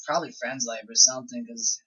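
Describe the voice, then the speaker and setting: A man's voice: medium pitch, steady tone, fast, a crowd in the background. A young man co-hosting a casual, uncensored podcast, teasing and joking in slangy banter. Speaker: podcast co-host. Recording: dull lo-fi podcast recording.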